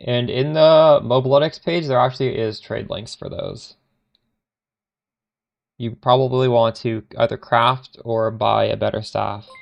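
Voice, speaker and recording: Speaking at a measured pace with fairly even intonation, this Canadian-accented man has a gravelly mid-range voice captured on a muffled recording. He's live-streaming a game, chatting easily with viewers and fielding their questions as he plays, his sentences frequently trailing away unfinished.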